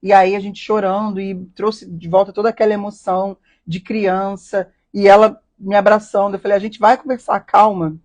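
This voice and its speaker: A woman's voice: mid-range voice, flat delivery, normal speed, hardly any pauses, darkish tone. A woman hosting a live stream, telling a personal story in an earnest, emotional way and often asking rhetorical questions. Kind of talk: confessional personal talk.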